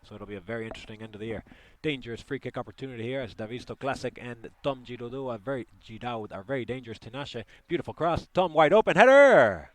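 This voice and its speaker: A man's voice: medium pitch, fairly even intonation, fast, hardly any pauses. A man doing live play-by-play commentary, chatty and partisan, joking with listeners as the action unfolds.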